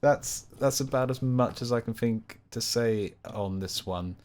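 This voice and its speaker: A man's voice: medium pitch, a little slow, darkish tone. A man co-hosting a songwriting podcast in casual chat, self-deprecating and laughing often. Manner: laughs often, self-deprecating, puts on silly inner voices. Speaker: podcast co-host.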